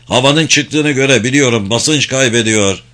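A man's voice: mid-range voice, moderate pace, a bit bright, close to an everyday voice. Man reading as an alarmed astronaut, urgent, clipped, a bit raised.

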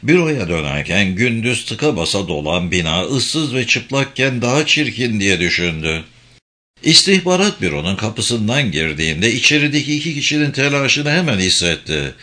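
A man narrating a crime novel as an audiobook, in a measured, expressive reading. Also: on the low side.

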